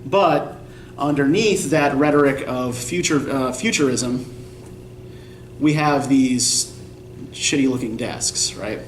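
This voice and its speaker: The speaker is a young college writing instructor from Eastern Pennsylvania, medium-pitched and slow, chatting in a rambling, self-deprecating way and frequently adding "right?" The mic sits far from him in an echoey classroom, and there's a faint hiss or hum.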